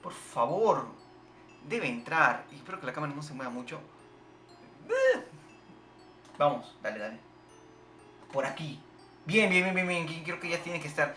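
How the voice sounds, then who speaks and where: Excitable swearing gamer with lively pitch. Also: male voice, normal speed, a little hiss or hum. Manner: excitable, swearing, shouting at the game. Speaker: gamer playing a game on video. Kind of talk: live gameplay commentary. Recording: echoey room with game music behind.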